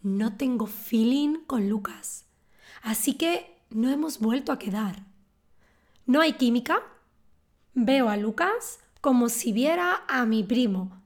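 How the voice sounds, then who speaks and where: Slow-spoken woman teaching. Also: on the high side, darkish tone. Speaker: Spanish teacher. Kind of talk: scripted lesson monologue.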